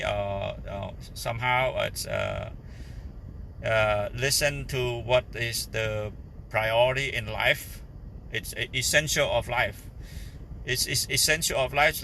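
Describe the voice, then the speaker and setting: Cambodian guy w khmer accent doing casual bible teaching, slow halting english, native khmer speaker, kinda sharp bright voice. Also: mid-range voice, gravelly, a little hiss or hum, low-quality recording. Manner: halting, searching for words in non-fluent English. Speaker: lay preacher.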